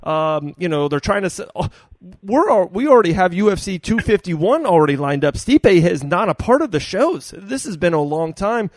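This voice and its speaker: A man with a high-set voice hosts a casual sports podcast. He talks emphatically, repeating words to drive a point home, and the sound is dry and close. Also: very animated, normal speed, no room sound. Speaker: podcast host. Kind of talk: casual sports talk interview.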